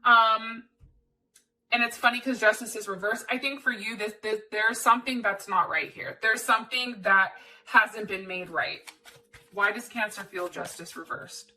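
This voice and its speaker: With a mid-range voice that sounds pushed and bright, a woman hosts a channel and reads tarot in an informal, candid way, with mild swearing and phrases repeated for emphasis. Her intonation is fairly even and her pace moderate. The mic is distant, and clicks and background noise are audible.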